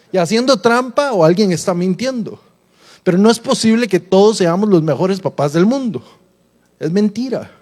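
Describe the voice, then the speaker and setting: High-voiced middle-aged preacher in reverberant hall. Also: male voice, darkish tone. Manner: humorous, conversational, rhetorical questions. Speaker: pastor. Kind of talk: sermon. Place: church hall. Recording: long church-hall reverb.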